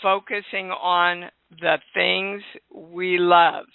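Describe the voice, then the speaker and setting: A woman's voice: on the low side, level tone, gravelly, no room sound. An older woman hosting a call-in radio show, giving spiritual guidance in an emphatic, affectionate way. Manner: emphatic, affectionate, slow and deliberate. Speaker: host and healer. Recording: tinny phone-line sound.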